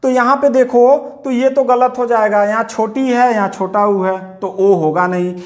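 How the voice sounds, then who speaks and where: A man's voice: extremely high pitch, steady tone, normal speed, faint music behind. A male teacher giving an exam-prep grammar lesson, explaining step by step and repeating his own questions back to the listener.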